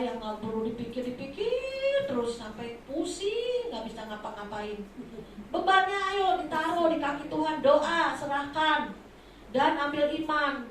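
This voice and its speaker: A woman preaching a sermon from Indonesia, impassioned, swinging between soft asides and loud exclamations, in a large church hall. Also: high voice, slight background noise. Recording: echoey hall from far off.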